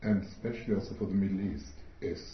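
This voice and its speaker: At a church meeting, a middle-aged man from Switzerland delivers a sermon in deliberate, non-native English. He is earnest and slow, with frequent filler-laden pauses, a somewhat low voice, and fairly even intonation, all captured in a dull, echoing hall-like sound.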